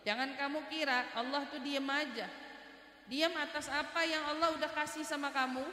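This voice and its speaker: A woman religious teacher giving an Islamic study lecture, telling stories and quoting Arabic, swinging between loud urgency and quiet. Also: high-pitched, fairly even intonation, normal speed. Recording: echoey hall with long reverb.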